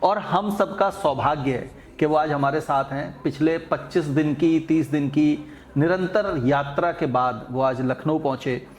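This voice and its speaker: Earnest male host, a little high. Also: a little slow. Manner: emotive, earnest, with sudden lifts in pitch. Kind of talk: devotional interview.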